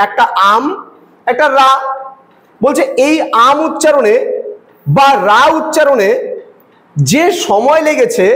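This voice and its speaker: Man, teacher, online lecture, very high voice, repeats examples, echoey room. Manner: explains slowly with repeated examples.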